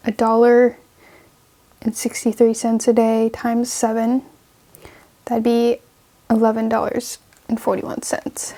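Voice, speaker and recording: A woman's voice: on the high side, mellow. A young woman vlogger in casual talk, thinking aloud as she plans and types at her computer. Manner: chatty, thinking aloud while typing. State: out of breath. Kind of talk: casual planning vlog with screen recording.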